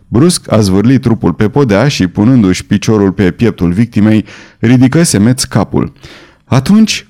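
A man reading a novel aloud in measured, dramatic audiobook narration. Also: fairly low pitch, dark tone. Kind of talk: scripted narration.

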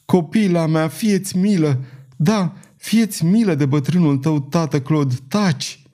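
A man's voice: fairly high pitch, dark tone, voice pushed up, lightly acted. A man reading an audiobook, voicing a burly old father who sobs and pleads in anguish. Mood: imploring. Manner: sobbing, imploring. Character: old burly grief-stricken father, a former executioner.

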